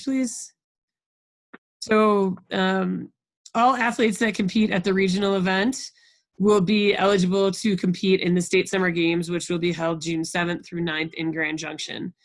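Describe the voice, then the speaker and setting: On a conference call, an American woman working as a program coordinator briefs coaches in an informal, upbeat way, regularly checking in with everyone. She speaks at a medium pitch, and the recording has no room sound.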